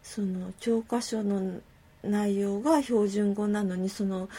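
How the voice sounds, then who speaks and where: A woman's voice: medium pitch, steady tone, slow, warm tone, breathy edge. A woman from the Kansai region with a Kansai accent, casually chatting as a podcast co-host and laughing easily as she explains. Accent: Kansai Japanese. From Kansai, Japan. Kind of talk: casual chat.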